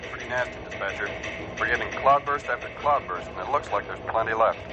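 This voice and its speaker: A man's voice: fairly low pitch, fast talker, lightly acted, low-quality recording. An actor, a man, playing a glum small-town station agent reporting storms in an old-time radio drama.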